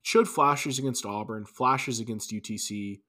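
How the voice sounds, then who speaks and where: A man's voice: mid-range voice, unhurried, bright, forceful tone. Male podcast co-host, mid-range voice, easygoing sports banter with dry asides. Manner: loose, restarting, wry asides. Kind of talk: casual sports chat.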